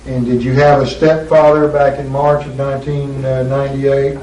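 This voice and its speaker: A man's voice: medium pitch, level tone, warm tone. Man questioning in a courtroom-style deposition recording. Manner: deliberate, measured, with frequent "uh" pauses. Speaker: attorney taking a deposition. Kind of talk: formal legal questioning. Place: deposition room. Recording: roomy echo, distant mic, faint hiss.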